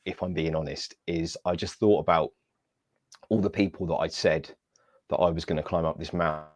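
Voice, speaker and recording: A man, a Paralympic athlete, telling stories in an interview in a lively, self-mocking way and acting out the voices he quotes. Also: sits low, moderate pace. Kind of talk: storytelling interview answers.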